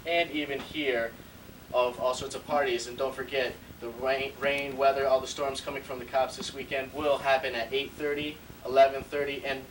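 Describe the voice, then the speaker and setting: A man's voice: mid-range voice, a bit bright, natural voice. A man playing a breezy, mock-serious weatherman in a parody newscast. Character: parody TV weatherman cheerfully forecasting wild teen parties. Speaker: weather presenter. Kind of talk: parody news weather report. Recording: distant mic, faint room noise.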